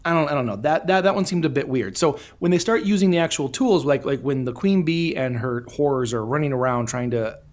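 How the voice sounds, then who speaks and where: A man co-hosting a film review show, casually recapping with halting, repetitive phrasing. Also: mid-range voice. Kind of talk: casual amused movie recap chat.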